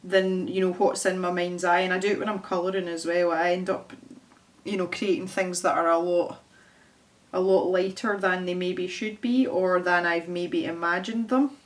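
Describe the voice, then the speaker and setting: In a fairly low, steady voice at a moderate pace, a young Scottish woman running an art channel chats casually while she paints. She's thinking out loud and making fun of herself.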